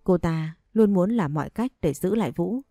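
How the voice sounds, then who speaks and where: A woman narrates an audio story at a steady, even pace. Her voice is low and mellow, recorded close and dry. Faint music plays underneath. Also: moderate pace, no room sound.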